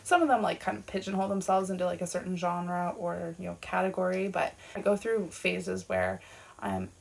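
A woman's voice: lowish voice, lively intonation, a little fast, creaky. A Canadian woman in her late twenties, chatting casually on her vlog, filling her talk with "like" and "um" and laughing at herself. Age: 20s. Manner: chatty, filler-heavy, self-deprecating with frequent laughs. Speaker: booktuber.

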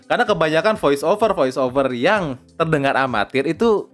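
A man's voice: on the high side, expressive, a little fast, fairly bright tone, faint music behind. Chatty young man teaching voice-over. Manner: chatty, fillers like "ya" and "oke", mixes in English phrases. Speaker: voice-over tutor. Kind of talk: casual spoken tutorial. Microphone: close lapel mic.

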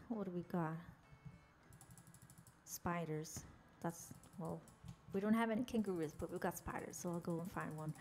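On the low side and a little mellow, this young woman's Norwegian-accented voice is heard over slight background noise. She's from Norway and streams games, joking with chat while narrating her character.

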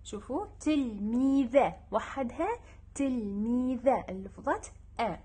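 A young woman with an Iraqi Arabic accent, teaching a children's lesson and repeating each sound slowly and patiently. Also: fairly high pitch, animated, breathy edge.

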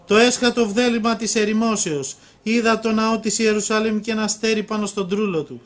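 A man reading a gentle old monk elder. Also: high-pitched, natural voice. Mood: tender. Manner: calm and tender.

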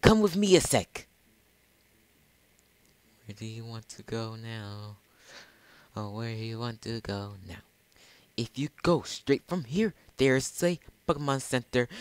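A man's voice: mid-range voice, expressive, slow pace, dry recording, voice pushed up. A man voicing a cheerful young girl trainer who chats and gives advice. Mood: helpful. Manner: chatty, giving advice.

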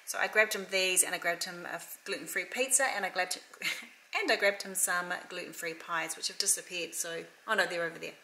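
Bright-voiced chatty mum. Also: female voice, lowish voice, fairly quick, low-quality recording. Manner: chatty, upbeat, rambling asides. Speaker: lifestyle vlogger. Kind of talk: casual chat to camera. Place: home room, then kitchen table.

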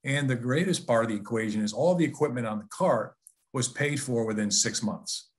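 Male webinar presenter, conversational and persuasive, average pitch. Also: fairly quick. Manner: conversational, persuasive, with frequent restarts.

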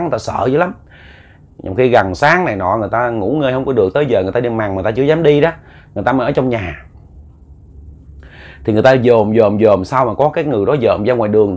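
A man with a Southern Vietnamese accent tells a ghost story in a loose, conversational way. He rambles and stumbles over repeated words, and his voice sits at an ordinary middle pitch. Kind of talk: spoken ghost story narration.

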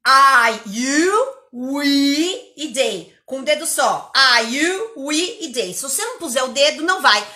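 A woman English teacher with an interior São Paulo accent, giving an energetic live online lesson and drilling words over and over. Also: high voice, measured pace, echoey room. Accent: interior São Paulo Portuguese.

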